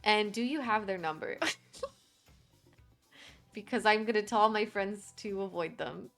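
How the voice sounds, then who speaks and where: A young woman livestreaming a game, chatting casually and excitably, quick to giggle and squeal. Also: medium pitch, gravelly, soft background music. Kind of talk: casual gameplay commentary.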